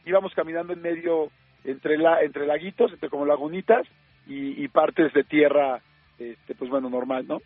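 A man with a Mexican accent, a radio host telling an anecdote in a lively way, full of fillers and acted-out quotes. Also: a little high, normal speed, no room sound. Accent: Mexican Spanish. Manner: lively storyteller acting out quoted dialogue, many fillers. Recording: narrow phone-like sound, faint music.

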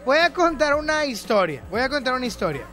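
A man's voice: very high voice, big pitch swings, quick pace, sharp tone. A man with a Mexican accent hosting a radio show, chatting in a playful, teasing way and repeating lines for laughs. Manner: playful, teasing, repeats himself for comic effect. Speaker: radio host. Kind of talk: casual radio chat. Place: radio studio. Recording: music playing clearly behind.

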